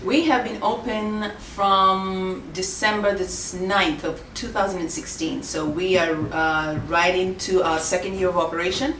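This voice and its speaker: Shop owner, lower voice, echoey room, slightly off-mic. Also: female voice, steady tone, a bit bright, far from the mic, slight background noise. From Kenya. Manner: measured, with frequent "uh" and "um" pauses. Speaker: boutique owner. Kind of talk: interview answers. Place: her clothing shop.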